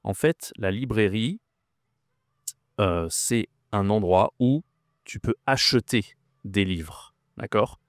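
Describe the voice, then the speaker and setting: A man's voice: on the low side, expressive, slow, no echo, studio quality. A man teaching French vocabulary. He is patient, repeats each word and often checks that the listener follows. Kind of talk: slow, clear vocabulary lesson.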